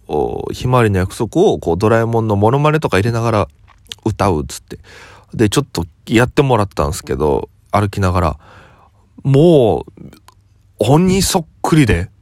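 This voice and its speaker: A young man from Okinawa who has just rolled out of bed, his voice sitting low and sleepy. He rambles through a story at an easy pace, quoting friends as he goes. The sound is close and dry, with no room around it. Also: lively intonation, fairly quick, no echo. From Okinawa, Japan. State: just woken up, voice lower than usual. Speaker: comedian. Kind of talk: casual solo talk.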